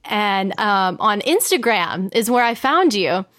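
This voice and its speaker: A woman's voice: medium pitch, sing-song, a little slow, fairly bright tone, no room sound, studio quality. A flirty, effusive woman with an American accent, hosting a casual, chatty podcast. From United States. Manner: flirty, effusive, uses endearments. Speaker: podcast host, sex expert.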